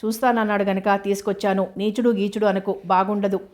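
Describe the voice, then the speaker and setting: A woman's voice: mid-range voice, little pitch movement, a little fast, darkish tone, natural voice. A woman voicing a scheming middle-aged uncle who brushes off blame in a dismissive manner.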